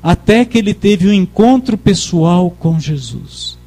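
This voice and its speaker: A man with a notably high voice delivers a sermon at an unhurried pace. He presses each point emphatically and calls for his congregation to repeat his words back. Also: animated, dark tone. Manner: emphatic, leads the congregation in call-and-response. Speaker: preacher.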